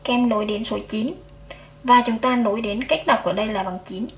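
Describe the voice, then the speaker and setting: A woman's voice: a little high, slight background noise. Patient woman teaching first-grade counting. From Vietnam. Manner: slow, patient counting aloud to children. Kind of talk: first-grade math lesson.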